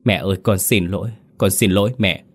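A man's voice: sits low, steady tone, brisk, no echo. A man voicing a grieving grown son who speaks tenderly to his dead mother in a story.

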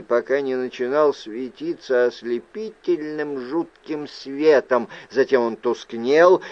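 A man narrating an audiobook in a measured, even storytelling manner. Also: mid-range voice, dry recording, lo-fi sound. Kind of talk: scripted narration.

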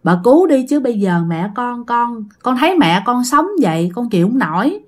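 A woman's voice: a little high, big pitch swings, moderate pace. A woman voicing a desperate pregnant teenage girl who begs for help. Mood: pleading.

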